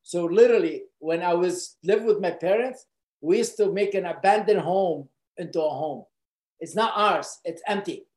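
A man's voice: high-pitched, normal speed, darkish tone. Earnest man from Lebanon, echoey room. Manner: heartfelt, repeats words, many fillers. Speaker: company co-founder. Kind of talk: earnest personal talk.

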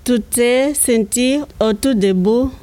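A woman's voice: a little high, takes it slowly, warm tone. A woman asking short interview questions.

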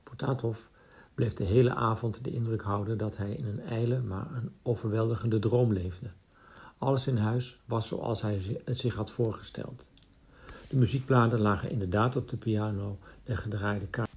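Man, audiobook narrator, calm, measured, mellow, gravelly. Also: lowish voice. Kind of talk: literary audiobook reading.

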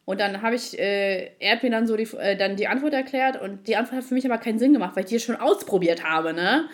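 A woman co-hosting a podcast, telling stories in a lively casual way and swearing freely. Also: medium pitch, quick pace. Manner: animated storytelling, laughs often, swears. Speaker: podcast co-host. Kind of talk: casual chat.

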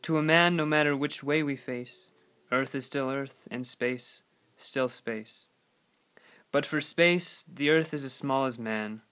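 Once more a man adopts a fake British accent to recite a poem as a podcast guest poet, keeping the overly polite, mock-formal act on a casual show. The mid-range voice runs a little slow, bright and forceful, clear and resonant.

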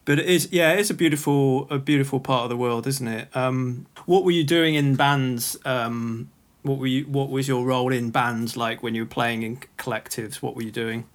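A male podcast host leads a casual interview. He asks his questions with friendly enthusiasm and a chatty manner, in a voice of ordinary pitch. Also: steady tone, normal speed.

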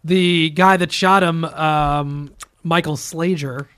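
A man hosting a casual podcast, upbeat and animated as he welcomes listeners and sets up topics. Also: on the high side, slow, clear, resonant tone. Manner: upbeat, animated promo delivery. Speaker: podcast host.

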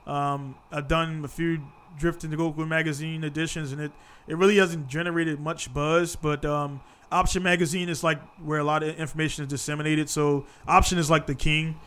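A man's voice: on the high side, flat delivery, brisk, a bit bright, smooth. Laid-back man hosting a podcast. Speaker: podcast host. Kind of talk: casual chat.

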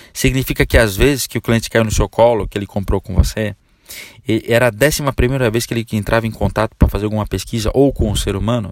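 A man's voice: lowish voice, dry recording, studio quality. A man hosting a sales podcast, scolding his listeners bluntly and with profanity, and keeps asking whether they understand. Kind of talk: ranting podcast monologue.

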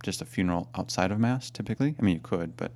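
Male priest, very low voice with gravelly fry, chatty and friendly. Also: fast, darkish tone. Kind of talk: casual chat.

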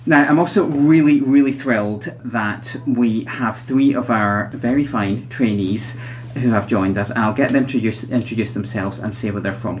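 A man's voice: medium pitch, darkish tone, slight background noise. A man hosting a psychology podcast in conversational style, chatty, with wry asides, in a recording room with guests.

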